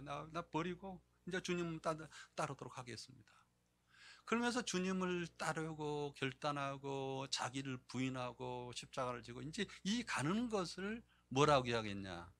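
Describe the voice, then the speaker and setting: Male pastor, sermon; high, bright voice; animated, drops to hushed tones for emphasis. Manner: animated, swings between loud emphasis and hushed low delivery; acts out quoted speech in changed voices. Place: church sanctuary.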